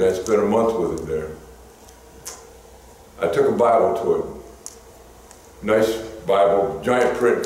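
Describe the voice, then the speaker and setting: A man's voice: sits low, darkish tone. A male pastor delivers a folksy, story-driven sermon, his voice leaping upward when he gets stirred. He sounds distant from the mic, in a church sanctuary with heavy echo and a faint hum of room noise.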